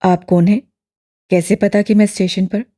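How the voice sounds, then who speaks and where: A woman's voice: medium pitch, normal speed, voice pushed down, close to an everyday voice. A woman doing a curt, sullen young man. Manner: flat, clipped and displeased. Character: wounded young man, curt, resentful and withdrawn.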